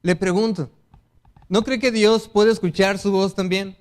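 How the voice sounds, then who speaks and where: A man's voice: high voice, fairly even intonation, unhurried, a little mellow. A man with a Mexican Spanish accent preaching a sermon in church, appealing earnestly to the congregation and acting out excuses as quoted dialogue.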